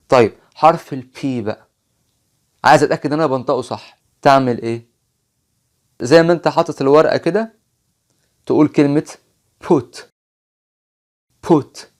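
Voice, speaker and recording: A man with an Egyptian Arabic accent teaching an English phonics lesson, patiently repeating example words slowly. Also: medium pitch, a little mellow.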